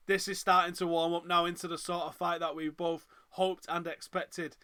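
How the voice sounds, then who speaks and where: Hosting a live fight watchalong, this Mancunian man has a fairly high, clear and resonant voice in a Northern English accent. He chats through his reactions, reads viewer comments aloud and gets loud and excited whenever something big happens.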